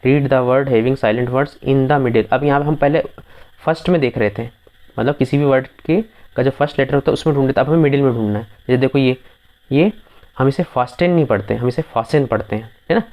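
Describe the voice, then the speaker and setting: A man's voice: mid-range voice, lo-fi sound. A man teaching English pronunciation in a video lesson, patiently repeating words and checking that his students follow.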